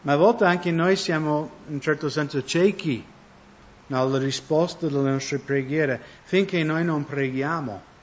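Man, sermon, conversational, asks questions, higher pitch, muffled recording. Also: measured pace. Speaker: preacher. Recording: dull lo-fi recording.

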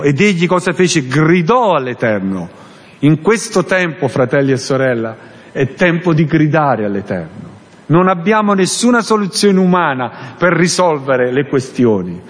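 A man preaching a sermon with earnest, rising and falling emphasis, pausing to search for a verse aloud. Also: on the high side. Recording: long hall reverb.

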